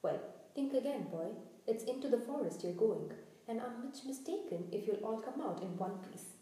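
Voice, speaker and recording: A woman's voice: fairly high pitch, lively intonation, normal speed, dark tone, lightly acted. Storybook villainous male caretaker female reader, gloating, leering and menacing; very echoey, off-mic. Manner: menacing, taunting, coldly nasty. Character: spiteful, gleeful, leering male school caretaker. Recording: echoey room, distant from mic.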